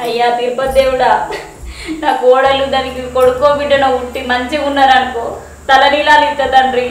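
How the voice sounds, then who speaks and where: Short film role: a woman plays an anxious village mother-in-law. High voice, pleading vows, strong room echo. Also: flat delivery, fairly quick, a little hiss or hum, lightly acted. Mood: vowing. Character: fretful village mother-in-law praying to many gods. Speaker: actress. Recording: very echoey room.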